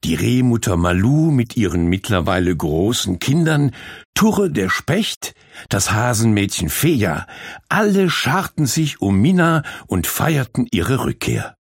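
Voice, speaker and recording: A man narrating a children's story in a calm, expressive reading style. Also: mid-range voice, a little slow, slightly rough, no room sound, clean studio sound.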